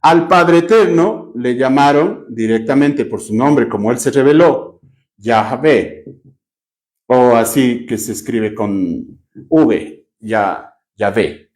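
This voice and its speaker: Teaching a Bible class, a man with an Ecuadorian Spanish accent from Cuenca questions his students and spells out terms as he writes on a board. His mid-range voice is animated and a little mellow, and he speaks slowly.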